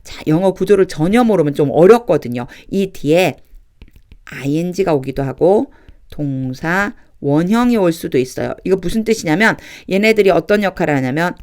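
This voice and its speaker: A woman teaching a lesson on reading the English Bible, explaining grammar patiently and reading verses aloud slowly, phrase by phrase. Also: lowish voice, lively intonation, a little mellow. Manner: patient, repeats and breaks sentences into chunks; reads English lines very slowly and deliberately.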